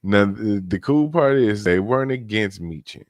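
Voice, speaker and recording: Laid-back man with a very deep voice. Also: expressive, dry recording, clean studio sound. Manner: laid-back, slangy, drawn-out. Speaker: podcast co-host. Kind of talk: casual wrestling review chat.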